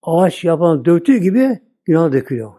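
Older male preacher, slightly high, mellow voice, rambling informal sermon, repeats a filler word, unhurried. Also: sing-song, husky. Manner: rambling, repeats "böyle" constantly. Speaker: religious teacher. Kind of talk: informal religious talk.

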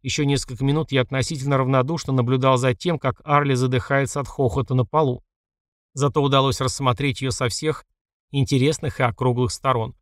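A man's voice: medium pitch, flat delivery, fairly quick, no echo, clean studio sound. Man narrating a wry audiobook. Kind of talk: first-person fantasy narration.

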